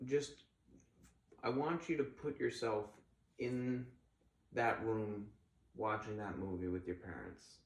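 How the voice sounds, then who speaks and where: A man playing a therapist in a counseling role-play, speaking in a calm counselor's manner with gently probing questions. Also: lowish voice, slow, pauses often. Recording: echoey room.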